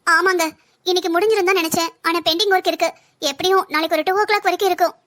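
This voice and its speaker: A woman voicing a polite, soft-spoken young newlywed bride in a cartoon family story. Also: very high voice, steady tone, rapid-fire. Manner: polite, respectful.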